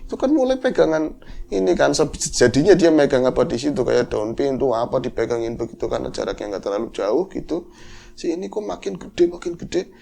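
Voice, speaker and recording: A man's voice: mid-range voice, a little fast, creaky. A man, telling a horror story in casual chat and acting out the voices in it. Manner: animated, acts out voices in his story. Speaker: horror podcast host.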